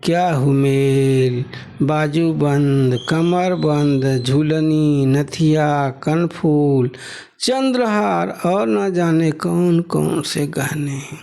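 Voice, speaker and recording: A man's voice: fairly high pitch, drawn-out words, gravelly, dark tone, heavily acted. A man reading a novel aloud, voicing a proud young village wife who complains sharply and sulks. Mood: complaining.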